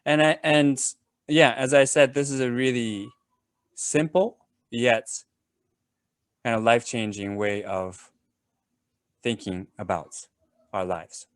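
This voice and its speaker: A man giving a casual webinar talk on a video call, pausing often with fillers and restarts. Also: mid-range voice, steady tone, clean tone, dry recording, clean studio sound. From Japan. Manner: hesitant, many fillers and restarts. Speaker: webinar presenter.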